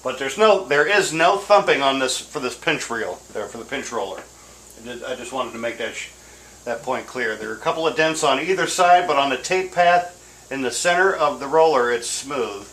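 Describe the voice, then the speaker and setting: A man who sells vintage audio gear shows off a tape deck in a home room next to stereo equipment, rambling casually and repeatedly fixing himself mid-sentence. He speaks at a normal speed with lively intonation in a medium-pitched, slightly bright voice, and the audio carries roomy echo plus noticeable background noise.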